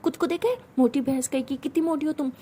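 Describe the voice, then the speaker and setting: A high, mellow-toned young college woman, as a female storyteller puts her on, prickly and theatrical. She pulls rank as a senior and complains with indignant drama. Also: fast, slight background noise, close to an everyday voice. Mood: bickering.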